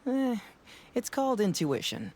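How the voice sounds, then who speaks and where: A sly young detective who sounds smug and knowing, drawling his lines in a lively, swinging tone. His confidence comes through in every line. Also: very high voice, measured pace, a little hiss or hum, full character voice. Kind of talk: video game voice acting.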